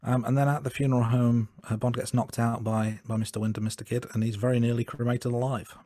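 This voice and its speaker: A man's voice: medium pitch, level tone, fast, warm tone, no echo. A man co-hosting a film podcast, wry and self-deprecating, with frequent ums. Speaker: podcast co-host. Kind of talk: casual film review chat.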